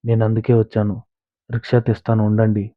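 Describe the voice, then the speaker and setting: A man's voice: on the low side, completely flat delivery, brisk, no echo, natural voice. A man reading a story voices a panicked young village man who stammers and hurries, recorded on a tinny, dry line. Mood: urgent.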